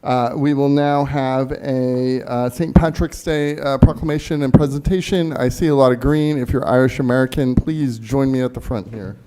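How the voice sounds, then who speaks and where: A man's voice: medium pitch, steady tone, moderate pace, few pauses, mellow, slight background noise. A man speaking formally as a mayor, addressing a council meeting and reading out official text.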